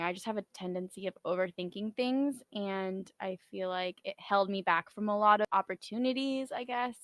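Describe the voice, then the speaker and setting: A young woman answers questions on a podcast, easygoing and reflective. Her voice is bright with a slightly tense edge. The recording is dry and close. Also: medium pitch, no room sound. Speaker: podcast host and former NFL cheerleader. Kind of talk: casual podcast interview.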